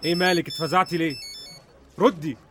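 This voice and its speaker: Radio drama role: man playing impatient Egyptian police investigator, very fast delivery, slightly high voice, sarcastic, intimidating. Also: fairly even intonation, over music, natural voice.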